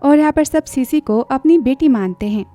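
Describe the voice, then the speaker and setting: A woman's voice: high-pitched, moderate pace, warm tone, faint music behind. A woman narrating a drama recap in a chatty storytelling way, briefly acting out the characters' lines.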